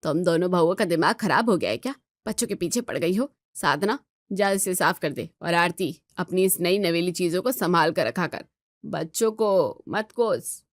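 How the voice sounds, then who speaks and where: A woman voicing a sharp-tongued, scheming mother-in-law in her older years, speaking low and scolding. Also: expressive, normal speed, no echo, clean studio sound.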